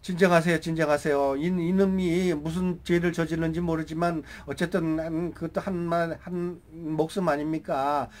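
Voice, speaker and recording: A polite old village man, as a storyteller puts him on, begs for calm in a raised, fairly high voice, repeating his pleas and deferring at every turn. He sounds earnest and insistent. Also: normal speed, hardly any pauses, lightly acted. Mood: pleading. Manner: pleading, deferential, repeating himself. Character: elderly male villager, polite and pleading.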